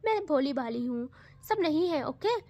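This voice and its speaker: A woman's voice: high-pitched, expressive, moderate pace, mellow, no echo. Woman doing Ruhi, bossy scolding girlfriend. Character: sharp-tongued strict young girlfriend.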